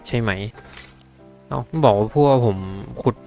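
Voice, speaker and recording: A man's voice: mid-range voice, a little slow, vocal fry. A man giving casual let's-play commentary, thinking aloud and talking to his viewers. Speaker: gaming YouTuber. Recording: game music loud behind.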